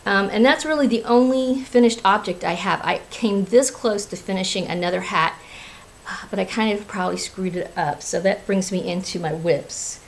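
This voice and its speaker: A woman from Florida talks through a crafting project in a relaxed, candid vlog. Her voice sits at an ordinary middle pitch, and she rambles freely with plenty of fillers and restarts. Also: normal speed, a little hiss or hum, rough recording. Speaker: craft podcast host; teacher. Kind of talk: casual video chat.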